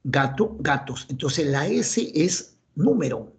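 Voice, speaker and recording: Gravelly Peruvian teacher explaining grammar. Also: male voice, on the high side, sing-song, slow. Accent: Peruvian Spanish. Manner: quizzes himself aloud, answers in students' voices. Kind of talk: classroom grammar lecture.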